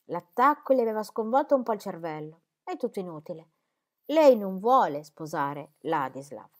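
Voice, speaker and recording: A woman reading the lines of an impatient, indignant gentleman in an audiobook, in a pressing, earnest way. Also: medium pitch, very animated, moderate pace, lightly acted.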